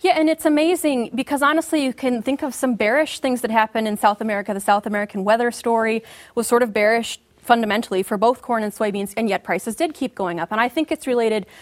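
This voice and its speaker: Woman analyst, fairly high-pitched, measured and explanatory, commodity talk. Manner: measured, explanatory, uses market jargon. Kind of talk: market analysis interview.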